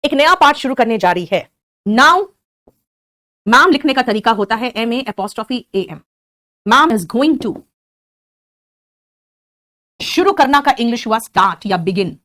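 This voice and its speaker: A woman's voice: on the high side, expressive, takes it slowly, long pauses, a bit bright. A woman with an Indian accent teaching a spoken English class, patiently coaxing and quizzing her students.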